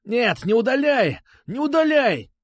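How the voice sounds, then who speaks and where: A man's voice: very high-pitched, big pitch swings, a little slow, no room sound, clean studio sound, pitched above the performer's own voice, exaggerated voice. A man voicing a cowardly, pudgy schoolboy who whines and shrieks. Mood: shrieking. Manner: whining and shrieking.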